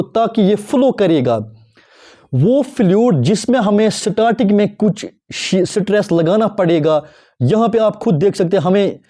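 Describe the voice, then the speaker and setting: A male teacher giving a recorded exam-prep lecture, asking questions and answering them himself, repeating key terms and slowing down to read definitions word by word. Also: high-pitched, warm tone.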